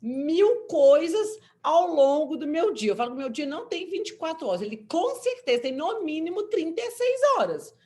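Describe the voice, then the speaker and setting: A woman lawyer with a Brazilian accent, speaking as a guest on a panel and explaining with animated, acted-out examples. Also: sits high, moderate pace, few pauses. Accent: Brazilian Portuguese. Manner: animated, explanatory, acts out quotes. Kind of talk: panel discussion.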